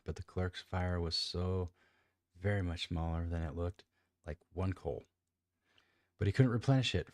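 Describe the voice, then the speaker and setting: A man's voice: low-pitched, a little mellow, no room sound, clean studio sound. A man reading a classic novel aloud, often stumbling, restarting lines and commenting on his own reading. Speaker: amateur reader.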